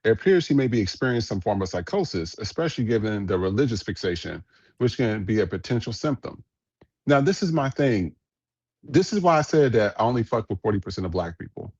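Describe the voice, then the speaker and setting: A man hosting a casual podcast, reacting bluntly and profanely to viral clips in a rambling way. His voice sits at a middle pitch and sounds close and dry. The recording is a little dull and lo-fi. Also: sing-song, brisk, a little mellow, husky, no echo. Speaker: podcast host.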